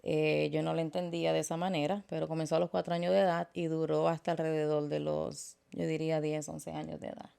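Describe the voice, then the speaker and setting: A woman speaks as an interview guest, recounting her life earnestly. Her voice sits low and has a gravelly edge. She pauses and restarts often, dropping in fillers and small English asides. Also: level tone, dark tone. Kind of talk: personal testimony in interview.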